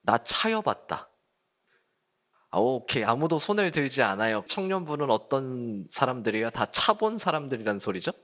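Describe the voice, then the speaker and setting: A man's voice: mid-range voice, very animated, a little fast, few pauses, fairly bright tone. A man preaching a sermon at a youth service, talking casually and putting questions to the congregation. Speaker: youth group pastor. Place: church service.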